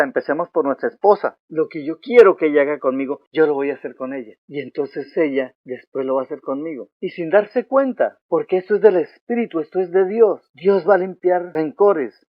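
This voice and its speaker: An older man preaching a sermon on marriage, swinging between hushed, gentle passages and loud, forceful ones. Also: on the high side, no echo, dull audio. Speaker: pastor.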